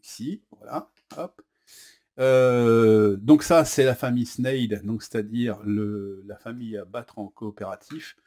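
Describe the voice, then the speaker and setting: French-accented man, casual board game demo host, chatty, halting delivery with lots of fillers, mid-pitched. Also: fairly even intonation, warm tone. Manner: chatty, says "hop" as he flips cards; hesitant, many fillers. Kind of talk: casual unboxing and rules demo.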